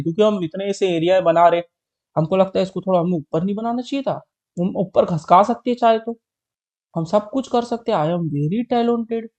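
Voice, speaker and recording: A young man narrating a comedic drawing tutorial in a playful, self-mocking way, drawing out little sounds as he sketches. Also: sits high. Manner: playful, self-mocking, repeats "ठीक है" and drawn-out "you". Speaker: drawing video creator.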